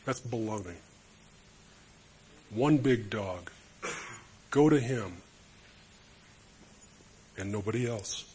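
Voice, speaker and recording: A man's voice: lowish voice, expressive, takes it slowly, pauses often, a little mellow, slight background noise. A man preaching a sermon to a group of men, emphatic and storytelling. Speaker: speaker to men.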